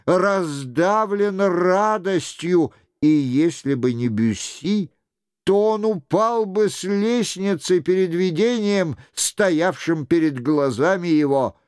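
Slow, clear male audiobook narrator. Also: high voice, expressive, darkish tone, dry recording, clean studio sound. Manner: measured, deliberate. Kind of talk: audiobook reading of a classic novel.

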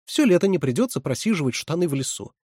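A man voicing a young, bossy female camp counselor who scolds and commands, with a husky voice. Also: low-pitched, very animated, fast talker, a little mellow, no echo, studio quality, voice pushed up, heavily acted. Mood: scolding.

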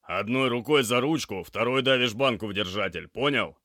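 A man playing a brisk male paramedic who barks short, clipped orders over the noise of an emergency, his voice deep and low. The recording is close and dry. Every command comes out loud and urgent. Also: no echo. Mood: barking orders.

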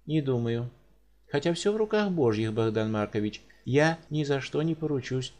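A man voicing a pompous, fussy middle-aged male doctor with a high, hedging way of talking. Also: animated, normal speed, a little mellow, natural voice.

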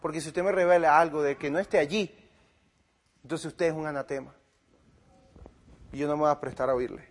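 Guy preaching, pretty high voice, acts out both sides of an argument he had. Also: steady tone, a little fast, long pauses. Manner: retells a debate with quoted dialogue, swinging from loud to quiet. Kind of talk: sermon-style storytelling.

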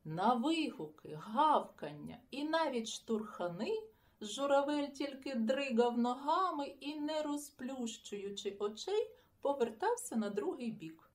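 A woman reading a children's story aloud with an expressive, lively storytelling manner. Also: high-pitched, unhurried. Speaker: audiobook reader. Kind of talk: children's audiobook narration.

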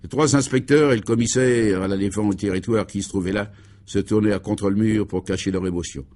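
A man giving deadpan, matter-of-fact narration for a radio serial. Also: fairly low pitch, brisk, a little hiss or hum.

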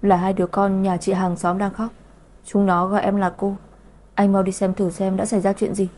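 A woman voicing an affectionate young pregnant wife in a storybook reading, speaking gently. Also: mid-range voice, monotone, normal speed, close to an everyday voice. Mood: urgent.

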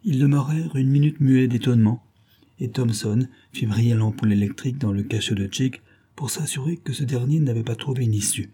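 A man narrating a detective novel as an audiobook, in a steady, even reading. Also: mid-range voice, a little fast, slightly rough.

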